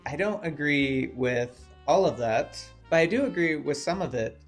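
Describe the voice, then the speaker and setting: A young man giving casual video-essay commentary, chatty and conversational, with fillers and quick asides. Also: a little high, lively intonation. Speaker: YouTuber. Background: faint guitar music.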